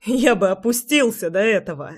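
A woman's voice: medium pitch, expressive, moderate pace, lightly acted. Damien, a woman voicing a furious male clan leader. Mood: bitter. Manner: shouting, bitter.

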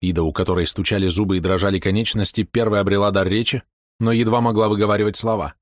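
A man reading a novel aloud in a measured, dramatic narration. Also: on the low side, fairly even intonation, dry recording, clean studio sound. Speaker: audiobook reader. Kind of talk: scripted narration.

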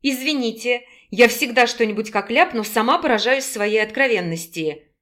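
A woman's voice: on the high side, normal speed, fairly bright tone, close to an everyday voice. A woman playing a blurting, outspoken young girl. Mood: eager. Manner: outspoken, indignant.

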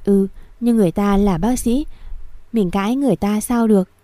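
A woman voicing a young husband who speaks gently and calmly to reassure his wife. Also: medium pitch, normal speed, dry recording, lightly acted. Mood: reassuring.

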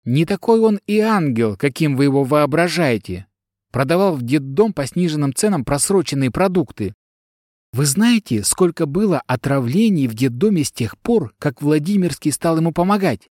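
A man's voice: fairly high pitch, lively intonation, normal speed, darkish tone, no echo, studio quality, pitched above the performer's own voice. A man reading an audiobook, voicing a frightened, defensive middle-aged woman who talks in an agitated, self-justifying way. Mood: indignant. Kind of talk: audiobook character dialogue.

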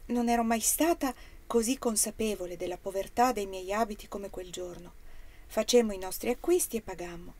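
Lady reading a story aloud in first person, expressive and emotional. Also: medium pitch, moderate pace. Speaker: audiobook reader.

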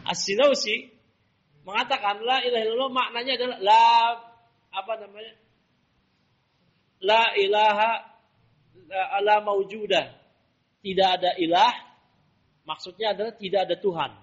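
A man teaches a religious class, checking his students with question after question. His voice sits high and a little husky. The recording is dull and lo-fi. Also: steady tone, normal speed, pauses often, a bit bright. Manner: quizzing students with rhetorical questions. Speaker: Islamic teacher.

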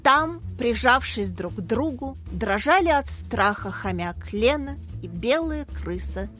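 Expressive woman reading a storybook. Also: on the high side, unhurried, soft background music. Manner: lively, expressive. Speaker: narrator.

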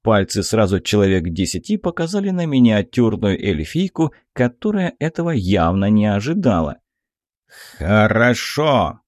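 A man's voice: lowish voice, very animated, normal speed, hardly any pauses, a little mellow, no echo, clean studio sound. A man narrating a fantasy story as an audiobook reader.

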